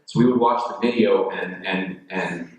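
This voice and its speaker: A man talks easily through a panel question, full of fillers and restarts. His voice sits on the low side. The sound is heavily echoey, caught from across a big hall. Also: normal speed, recorded from a distance. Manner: relaxed and chatty, with many fillers and restarts. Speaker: actor on a panel. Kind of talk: conversational Q&A answers. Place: large echoey school hall.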